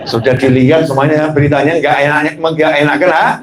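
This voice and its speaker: A man's voice: fairly high pitch, fairly even intonation, fairly quick, low-quality recording. Man preaching in a chatty, joking tone. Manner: chatty, joking, often laughing, asking the audience questions. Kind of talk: casual storytelling sermon.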